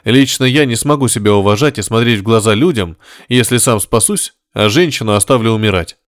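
A man's voice: on the low side, fairly quick, dry recording, studio quality, lightly acted. A man voicing a blunt male spaceship officer who speaks curtly and firmly. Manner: curt and firm.

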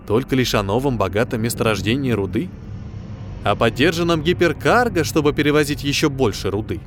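A man's voice: mid-range voice, brisk, slight background noise. A man reading dramatic science fiction narration as an audiobook narrator. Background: faint music.

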